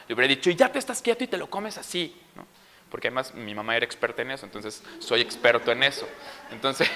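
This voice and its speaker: A man's voice: medium pitch, slight background noise. A young father with a Mexican accent, telling a story at a parents' school session and acting out the scenes. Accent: Mexican Spanish. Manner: animated, acts out scenes. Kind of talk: storytelling talk.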